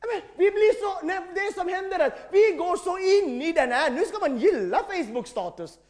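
High-voiced emphatic male preacher. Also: animated. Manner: emphatic preaching, swings between shouting and quiet. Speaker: pastor. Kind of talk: sermon.

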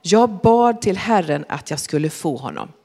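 A woman's voice: fairly low pitch, sing-song, mellow, voice pushed down. A woman voicing a devout young mother, grateful and earnest, in a long-reverb hall.

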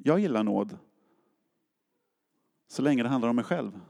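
Man, middle-aged pastor, casual storytelling sermon, mellow voice, long reverb of a church hall. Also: mid-range voice, expressive, creaky. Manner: casual storytelling, acts out quotes.

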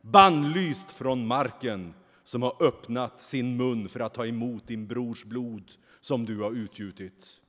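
A man voicing a grave, stern angel who speaks slowly and deliberately in a low voice. The words linger in a long hall reverb, like a storybook read in a church. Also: animated, a little mellow, breathy edge, full character voice. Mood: wrathful. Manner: slow, measured, grave. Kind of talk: storybook reading.

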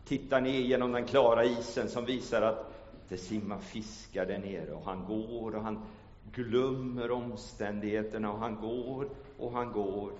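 A man's voice: fairly low pitch, fairly even intonation, slight background noise. Dramatic male pastor preaching in an echoey hall. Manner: dramatic, swings from hushed storytelling to loud calls. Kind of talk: sermon. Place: church hall. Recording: echoey church hall, dull lo-fi sound.

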